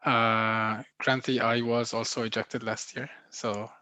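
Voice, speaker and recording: A man's voice: mid-range voice, flat delivery, unhurried, sharp tone, no echo. A man from Egypt introducing himself politely on a video call, with some fillers. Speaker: community organizer.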